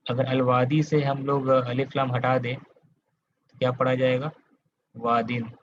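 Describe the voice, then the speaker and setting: A man's voice: medium pitch, little pitch movement, takes it slowly, dull audio, a little hiss or hum. Male teacher quizzing his online class. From Kolkata, India. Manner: explains step by step, quizzes students, keeps checking in. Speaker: Arabic grammar teacher.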